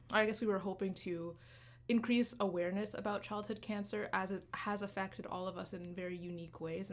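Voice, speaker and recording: A woman in her twenties, who spent her early childhood in Uganda before growing up in Canada, appears as a guest in a casual radio interview about founding a student club. She talks earnestly and quickly in a mid-range voice, using plenty of "like"s and "um"s.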